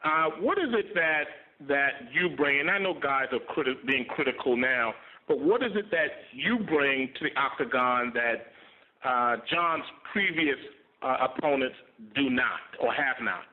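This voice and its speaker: A man working as a reporter, asking questions haltingly on a press conference call over the phone. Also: medium pitch, expressive, narrow, tinny audio.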